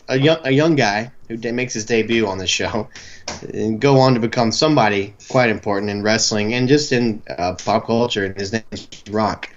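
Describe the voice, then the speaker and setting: A man's voice: fairly low pitch, dull audio. A man co-hosting a podcast in casual chat, telling stories animatedly and laughing easily. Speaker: podcast co-host.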